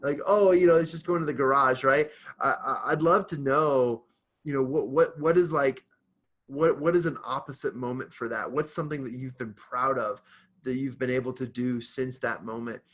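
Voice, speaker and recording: A man's voice: medium pitch, fairly even intonation, normal speed, a bit bright, a little hiss or hum. A man hosting an interview podcast, talking with effusive enthusiasm and often restarting his words. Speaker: podcast host. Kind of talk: casual interview wrap-up.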